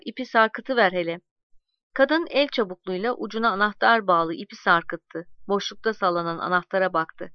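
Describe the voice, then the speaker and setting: A woman narrating a story aloud in a calm, measured reading voice, voicing the dialogue as she goes. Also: mid-range voice, smooth, dry recording, highs cut off.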